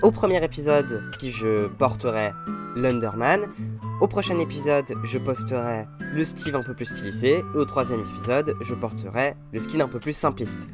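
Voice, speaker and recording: A man's voice: medium pitch, lively intonation, moderate pace. A young man narrating his own gameplay in an upbeat, self-mocking voice-over. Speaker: gaming YouTuber. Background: game music.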